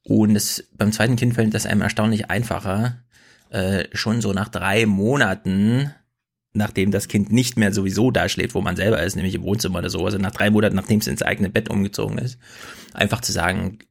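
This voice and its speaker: A man in his thirties with a gravelly edge and a fairly low voice, co-hosting a podcast. He rambles in casual chat, restarting and correcting himself as he goes. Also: steady tone, a little fast. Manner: chatty, rambling, self-correcting. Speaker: podcast co-host.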